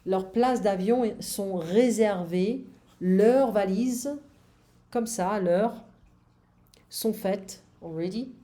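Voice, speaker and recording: Slow, mellow-voiced woman teaching French. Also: mid-range voice. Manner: slow, patient drilling with short English glosses. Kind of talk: online French grammar lesson.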